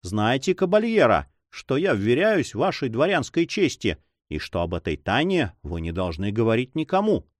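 A man voicing an old female duenna who sighs, grumbles and fusses in a high voice. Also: big pitch swings, moderate pace, few pauses, no echo, studio quality, close to an everyday voice. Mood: grumbling. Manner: sighing, fussy, grumbling.

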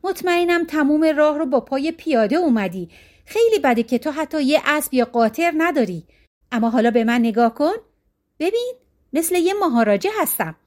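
A woman's voice: high voice, expressive, pitched above the performer's own voice. Woman voicing a boastful, scornful chief minister. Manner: shouting, mocking, boastful. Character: arrogant rich male chief minister, scornful.

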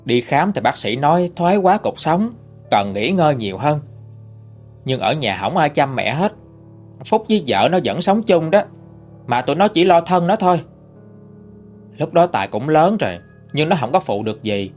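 Lively male storyteller. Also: fairly high pitch, normal speed, pauses often, soft background music. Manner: conversational storytelling. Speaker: ghost story channel narrator. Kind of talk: reading listener-sent stories.

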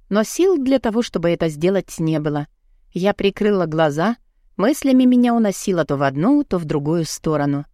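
A woman narrating a first-person audiobook, expressive and emotional. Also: lowish voice, no room sound, clean studio sound.

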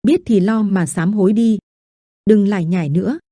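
A woman's voice: mid-range voice, normal speed, warm tone, no room sound, clean studio sound, lightly acted. A woman voicing a bitter, drunken male teacher who hisses cold, scornful words. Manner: cold, scornful, hissing through teeth.

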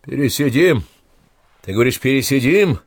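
A man voicing a young, wounded, hotheaded army organizer who wheezes hoarsely and shouts accusations. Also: medium pitch, lively intonation, moderate pace, dry recording, pitched above the performer's own voice. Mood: furious.

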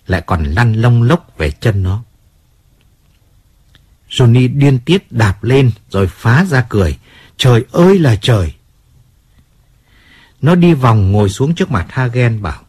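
A man narrating a novel as an audiobook reader, with an expressive storytelling manner. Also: mid-range voice, slightly rough, dry recording.

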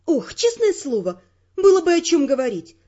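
A woman voicing a prickly, defensive young female spy with sharp retorts. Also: extremely high pitch, very animated, normal speed, dull audio. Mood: irritated.

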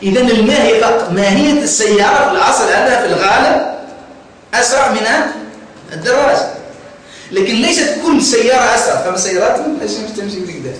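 High-voiced Tunisian teacher in an echoey classroom. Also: male voice, lively intonation, fast talker, fairly bright tone, slight background noise. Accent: Tunisian Arabic. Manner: keeps asking the class if they follow. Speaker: Arabic grammar teacher. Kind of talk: classroom lesson. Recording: echoey classroom, mic far off.

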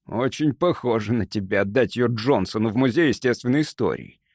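Guy doing a shouty greedy old museum curator, pushy and raised, dry close recording. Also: medium pitch, animated, a little fast, no room sound. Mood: indignant, shouting. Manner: shouting, indignant, pleading. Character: excitable grasping older male museum curator.

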